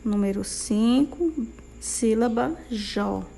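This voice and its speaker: Patient Brazilian teacher woman, slow and gravelly. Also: on the high side, mellow, a little hiss or hum. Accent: Brazilian Portuguese. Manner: patient, sing-song, checks in with "tá bom?". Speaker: primary school teacher. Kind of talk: slow, clear dictation to young children.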